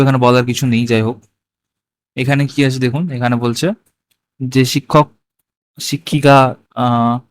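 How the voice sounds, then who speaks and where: A man's voice: medium pitch, dry recording. A male teacher walks through a primary school textbook in mixed with English, often checking "right?". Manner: explains in Bengali mixed with English words, often asks "right?". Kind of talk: walking through a textbook lesson.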